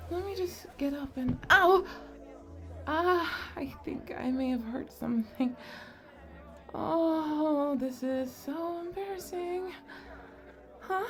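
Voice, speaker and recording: Flustered and embarrassed, a woman speaks in a high voice as a shy, sweet, nerdy young goblin girl in an ASMR romance roleplay. Her delivery is soft and hesitant, full of bashful stammers.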